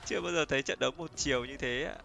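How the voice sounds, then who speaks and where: A man commentating his own gameplay live, teasing and excitable, laughing often. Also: mid-range voice, rapid-fire, creaky, background noise. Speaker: gaming streamer. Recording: music playing behind.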